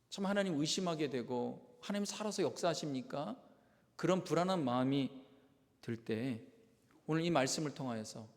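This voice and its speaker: Man preaching, pastor, lively swinging pitch, fairly high voice, soft asides and loud cries, long church reverb. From South Korea. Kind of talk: sermon. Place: church sanctuary.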